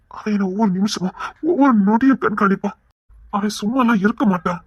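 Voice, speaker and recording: Man acting a loyal young lover, husky, hurt and firm, audio drama, dry dull recording. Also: high-pitched, no echo. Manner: slow, reproachful, then firmly reassuring.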